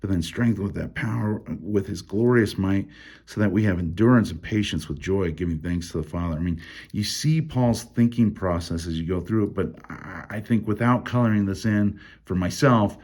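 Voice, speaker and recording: A man with a low, deep voice and a gravelly edge walks through a Bible passage in a relaxed, unscripted way. He reads the verses aloud, then muses over them, pausing often and restarting his sentences as he thinks. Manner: reads scripture aloud between comments. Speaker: Bible study teacher. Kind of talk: casual Bible study walkthrough.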